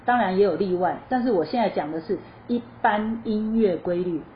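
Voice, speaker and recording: A woman teaching a choir lesson, explaining musical phrasing in a lively, chatty way and asking her listeners questions before answering them. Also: mid-range voice, normal speed. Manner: lively explanatory, sings short demo phrases. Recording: slightly dull lo-fi recording with faint noise.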